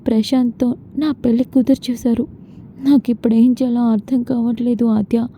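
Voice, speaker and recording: A woman's voice: on the high side, flat delivery, moderate pace, natural voice. A woman voicing a grieving, remorseful young bride in a retold serial. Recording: dull lo-fi with faint noise.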